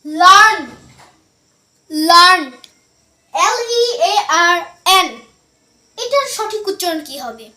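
A woman teaching English pronunciation, spelling out words letter by letter and repeating them slowly. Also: extremely high pitch, sing-song, bright, forceful tone, roomy sound.

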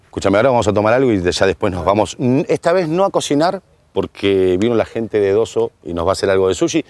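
A lowish-voiced man with a Rioplatense accent hosts a relaxed outdoor chat. He fires off questions quickly and keeps things jokey and chummy. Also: dry recording. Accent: Rioplatense Spanish. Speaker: show host. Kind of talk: casual interview chat. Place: outdoor garden bar.

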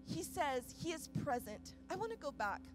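Woman pastor, high voice, impassioned sermon over clear music, swings loud to soft. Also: very animated, normal speed. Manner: impassioned, swings between loud urgent peaks and soft quiet passages; repeats and restarts phrases while preaching. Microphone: microphone.

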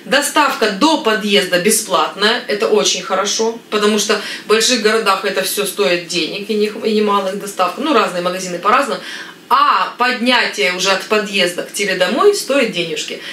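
A woman in her thirties from Ukraine chatting casually to camera in a family vlog, lively and talkative. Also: medium pitch, brisk, echoey room, slight background noise. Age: 30s. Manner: chatty, lively, gestures with hands. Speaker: family vlogger. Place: living room with floral curtains, indoors.

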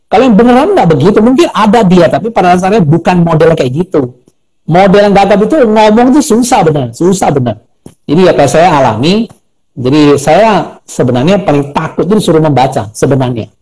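A man's voice: high-pitched, a little fast, low-quality recording. A middle-aged man, a coach and speaker, telling stories in a live interview and acting out the voices of the people he quotes. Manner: animated, acts out quoted voices. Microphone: phone or video call.

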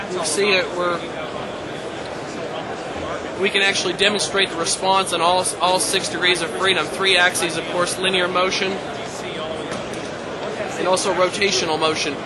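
A man in his thirties gives a semi-rehearsed trade show product demo as an engineer, with halting pauses. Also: sits high, level tone, heavy background noise. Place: large indoor trade show floor. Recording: loud busy expo hall crowd.

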